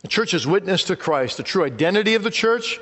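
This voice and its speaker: Earnest preacher in a reverberant hall. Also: male voice, high-pitched, animated, brisk, fairly bright tone. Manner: earnest preaching with rising emphasis. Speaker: pastor. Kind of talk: sermon.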